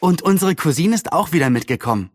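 A man voicing a cheerful, lively young girl in a storybook reading, with eager, quick replies. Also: on the high side, no room sound, clean studio sound, pitched above the performer's own voice.

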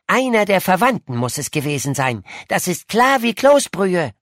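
A woman's voice: lowish voice, big pitch swings, normal speed, no echo, studio quality. A woman voicing a clever, boastful young boy in an audiobook, speaking eagerly and sure of himself. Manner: eager, self-assured storytelling. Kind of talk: audiobook dialogue reading.

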